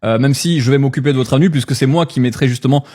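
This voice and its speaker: A man making a prank phone call in a mock-formal, deadpan tone, drawling and gliding over the ends of his words. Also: medium pitch, very fast. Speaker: prank caller.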